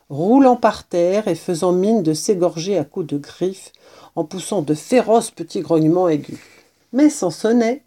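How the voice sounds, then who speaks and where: A woman narrating a children's novel as an audiobook, in a gentle, measured storytelling voice. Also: lowish voice.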